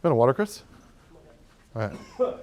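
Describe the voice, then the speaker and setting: A man's voice: medium pitch, very animated, measured pace, a little mellow. A man, chatty and enthusiastic, laughing often as he guides a walking tour through city streets outdoors.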